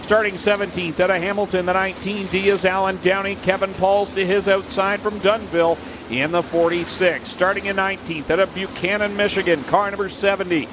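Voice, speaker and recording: A man's voice: sits high, fairly even intonation, brisk. A man giving motorsport play-by-play commentary as a race announcer with a projected delivery. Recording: noisy outdoor trackside with vehicle engines. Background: race cars and outdoor ambience.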